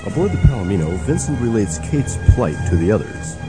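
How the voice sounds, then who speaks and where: A man's voice: on the low side, big pitch swings, fairly quick, over loud music. A man giving scripted narration as storyteller of a space adventure parody.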